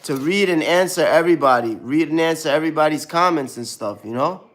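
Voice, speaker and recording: A man's voice: a little high, a little fast, fairly bright tone. A man in his thirties with a New York Brooklyn accent, chatting loosely on a live stream and saying "bro" constantly. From born in Ukraine, raised in Brooklyn, New York. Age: 30s. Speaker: livestreamer answering chat. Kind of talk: casual live-stream chat.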